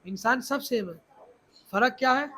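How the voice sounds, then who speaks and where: A man's voice: very high-pitched, moderate pace, pushed and bright. Man teaching children, quizzing the class. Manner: asks the class frequent questions and repeats key points.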